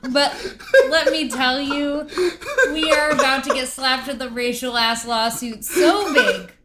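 Dry, tipsy woman co-host, slightly high voice, echoey noisy room. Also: measured pace. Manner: dry, exasperated. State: drunk. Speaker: podcast co-host. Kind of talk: comedic casual chat.

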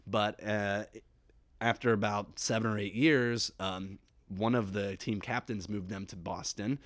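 A man's voice: on the low side, fairly even intonation, measured pace, fairly bright tone, no echo. A man from the Cincinnati area, a podcast guest chatting casually and laughing often as he tells stories. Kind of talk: casual chat.

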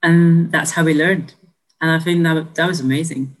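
A woman's voice: low voice, fairly even intonation, normal speed, faint music behind, poor audio. A young woman from Hungary, a podcast guest, chatting in an upbeat, friendly way. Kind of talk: casual chat.

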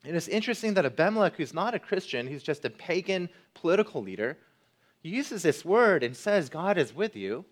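A man preaching a sermon as pastor, earnest, building to emphatic peaks and then dropping quiet. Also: on the high side, very animated, brisk.

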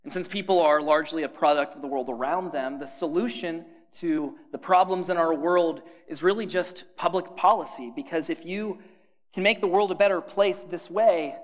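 A man's voice: a little high, moderate pace. A man preaching a sermon in a conversational way, putting questions to his listeners and adding dry humor.

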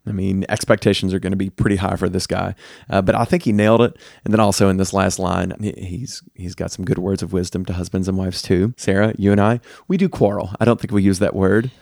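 A man's voice: deep voice, steady tone, fast, vocal fry, a little mellow, no room sound, studio quality. A man with a Southern US accent, co-hosting a podcast in a candid, easygoing way. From United States. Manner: candid, easygoing, with frequent restarts. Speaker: podcast co-host. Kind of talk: casual podcast chat.

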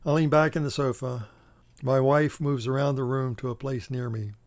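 A man performs a one-man stage play as a wry, theatrical first-person monologue. His voice sits at a middle pitch. The recording is dry and close, with no room echo. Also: level tone, normal speed, darkish tone.

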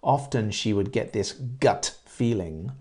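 In a lowish, mellow voice, this middle-aged English teacher from Great Britain works through conversation questions, answering them himself. He says phrases over slowly so learners can follow.

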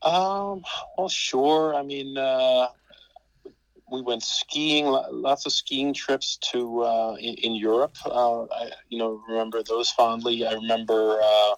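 A man in his fifties, a podcast guest, talking casually and hesitantly in an interview, with many pauses and restarts. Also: medium pitch, fairly even intonation, dry recording, lo-fi sound.

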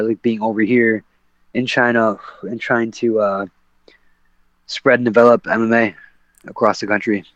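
A man's voice: medium pitch, a bit bright, dry recording. A man, a professional fighter, telling a story on a podcast in a casual, rambling way with lots of fillers and restarts. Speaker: guest, professional MMA fighter. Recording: dull lo-fi, dry sound.

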